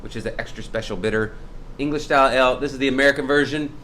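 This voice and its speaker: A man's voice: mid-range voice, quick pace, sharp tone, a little hiss or hum. A young man hosting a casual brewery video, chatting in an upbeat way about specials and beer styles with playful sound effects. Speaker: brewery host. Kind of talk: casual promotional vlog chat.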